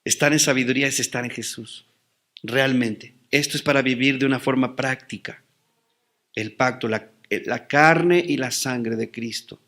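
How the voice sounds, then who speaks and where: A man's voice: medium pitch, moderate pace, a bit bright. A man preaching a sermon as pastor, asking rhetorical questions and answering them with rising emphasis.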